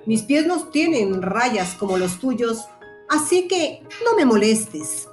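Woman doing a gruff, grumpy lady walrus. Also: on the high side, sing-song, slow pace, a little mellow, echoey room, soft background music. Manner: gruff, brushing off. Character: grumpy female walrus, curt and dismissive.

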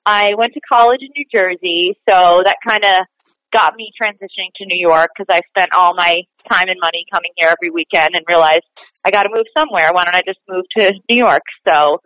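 A young Boston woman who performs on stage chats as an interview guest, laughing easily and using lots of fillers. Her voice sits on the low side with a fairly bright tone and a slightly quick pace. The podcast audio is dry and a bit dull.

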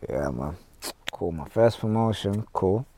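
A man's voice: deep voice, expressive, unhurried, dark tone, slight background noise. A man with a London roadman accent, chatting casually as a podcast guest in heavy street slang full of tag phrases. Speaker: podcast guest, music artist.

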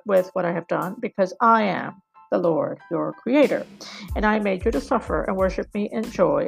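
A bitter, wounded man with a clubbed foot rants feverishly, as a woman reads him aloud, his voice loud, raised and gravelly, racing in bursts. The sound is husky and rough throughout, with faint music underneath. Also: medium pitch, exaggerated voice, low-quality recording. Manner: feverish, ranting monologue full of violent images. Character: wounded, club-footed man, bitter and raving.

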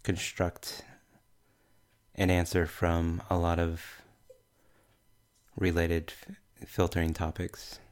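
Low and very flat, this man's smooth voice carries a broad Kiwi accent. He takes part in a casual tech podcast as a panelist, talking in a measured, halting way while he sorts out his ideas.

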